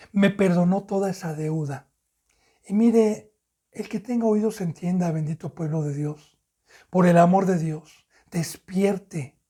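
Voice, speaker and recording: Mexican pastor preaching with a dark, husky voice. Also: male voice, sits high. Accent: Mexican Spanish. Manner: impassioned preaching, voices the characters of the parable. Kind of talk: sermon.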